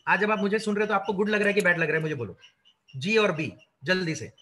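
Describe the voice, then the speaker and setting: Bright high-voiced man lecturing students. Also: quick pace. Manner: lively, rhetorical questions, mixes English into Hindi. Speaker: career trainer.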